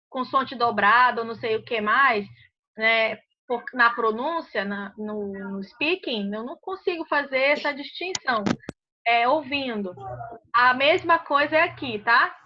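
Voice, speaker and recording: A Brazilian Portuguese woman explains grammar rules to a class, pausing often to ask if everyone understood. Her voice sits high. The recording sounds muffled and lo-fi. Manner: patient, checks understanding often. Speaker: English teacher. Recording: muffled lo-fi audio.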